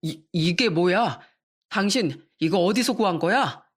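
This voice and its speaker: A woman's voice: fairly low pitch, lively intonation, measured pace, breathy edge. A woman voicing a defiant cheating husband. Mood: shocked. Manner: stammering, sulky and defiant. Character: cheating middle-aged husband, defensive and selfish.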